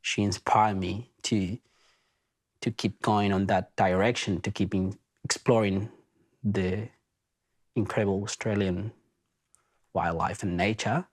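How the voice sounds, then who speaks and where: A man's voice: lowish voice, fairly even intonation, a little slow, pauses often. A man from Argentina with an Argentine accent, hosting a podcast and telling his story in an earnest, reflective way. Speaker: podcast host. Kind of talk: casual spoken introduction.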